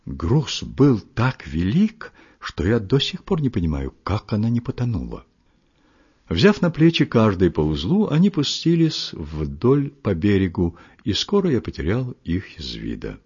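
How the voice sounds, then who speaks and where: A man reading a literary story aloud in a measured, expressive storytelling manner, his voice husky. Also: lowish voice. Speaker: audiobook reader. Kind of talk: literary audiobook narration. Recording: muffled lo-fi recording.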